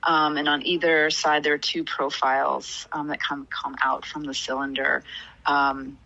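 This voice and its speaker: Low-voiced hesitant woman guest. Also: little pitch movement, measured pace, gravelly, sharp tone, lo-fi sound. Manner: hesitant, many ums and restarts, laughs often. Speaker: guest, arts organization director. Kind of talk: casual interview chat. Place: remote call.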